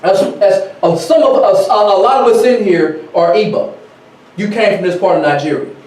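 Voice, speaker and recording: A man, teaching from scripture and history in an animated sermon style, reading passages aloud and riffing on them. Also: sits high, moderate pace. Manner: animated, reads aloud then riffs in casual speech. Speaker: teacher at a ministry. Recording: echoey hall, from far off.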